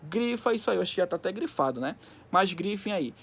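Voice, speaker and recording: Higher-voiced man dictating a lesson. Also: animated, quick pace, creaky, a bit bright. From Brazil. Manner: didactic, dictating textbook lines in segments with frequent check-in tags. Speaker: school geography teacher. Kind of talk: recorded lesson, reading from a textbook and explaining.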